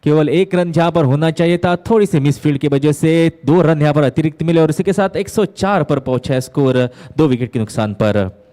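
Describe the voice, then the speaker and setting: A man with a fairly high-pitched voice calls a cricket match ball by ball. He works in measured phrases with pauses between them, lifting his delivery at key moments of play. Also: dark tone. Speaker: cricket commentator. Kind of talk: live ball-by-ball cricket commentary.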